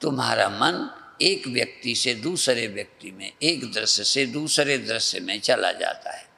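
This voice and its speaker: A male spiritual teacher from North India giving a slow, repetitive meditative discourse that guides the listener's mind. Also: medium pitch, expressive, gravelly, bright, forceful tone, in a large hall. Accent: Hindi, North Indian.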